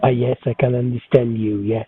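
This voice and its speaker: A man's voice: mid-range voice, little pitch movement, brisk, slightly rough. Man on a dull phone line. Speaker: worker answering a phone. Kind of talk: phone conversation.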